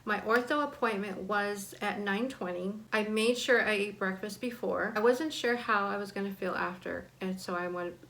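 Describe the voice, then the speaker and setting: A woman's voice: mid-range voice, fairly bright tone, rough recording. A woman in her forties chatting casually and candidly as a vlogger, her speech slightly impeded by braces and bite blocks. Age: 40s. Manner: candid, personal sharing. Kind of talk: casual chat to camera.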